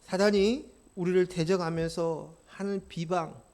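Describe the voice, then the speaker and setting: A male pastor preaching a sermon, impassioned and swinging from quiet to loud, often putting questions to the congregation. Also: high-pitched, fairly even intonation, a little slow.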